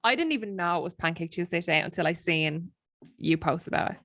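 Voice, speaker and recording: A woman's voice: lowish voice, animated, fast, fairly bright tone, no room sound, clean studio sound. A woman in her twenties co-hosting a podcast over a video call, chatty and teasing and swearing freely. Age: 20s. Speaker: podcast co-host. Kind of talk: casual chat.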